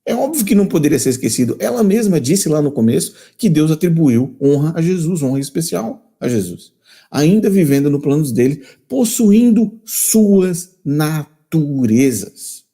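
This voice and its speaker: Speaking with a Brazilian Portuguese accent, this man hosts a critical commentary channel, reading quotes out loud and hammering his points home again and again with scorn. His voice is a little high and warm with a breathy edge, lively in intonation and a little fast.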